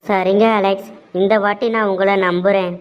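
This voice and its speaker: A gentle, pregnant young cartoon woman with a Tirunelveli Tamil accent, voiced by a woman, polite and anxious. Her tone runs fairly flat. The recording sounds dull and lo-fi. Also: mid-range voice, normal speed, smooth, natural voice. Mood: gentle worry. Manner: soft, worried, polite. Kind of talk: cartoon voice acting.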